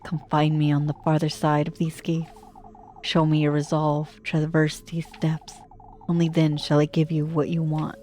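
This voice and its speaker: A woman voicing a sly serpent spirit in a horror game, speaking in a slow, low, taunting drawl. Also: completely flat delivery, dark tone, faint music behind, close to an everyday voice. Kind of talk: reading game dialogue aloud.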